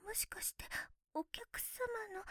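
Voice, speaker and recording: A woman voicing a shy, apologetic, submissive attendant in an adult audio drama, speaking halting, polite, pleading pillow talk. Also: very high voice, lively intonation, a little hiss or hum. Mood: hesitant, pleading.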